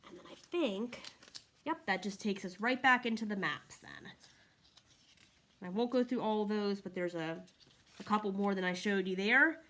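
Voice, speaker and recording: A woman's voice: mid-range voice, normal speed, fairly bright tone. A woman in a casual, chatty product review, walking through pages as she talks. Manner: friendly, chatty, walks through pages while talking. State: slightly out of breath. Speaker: Bible reviewer.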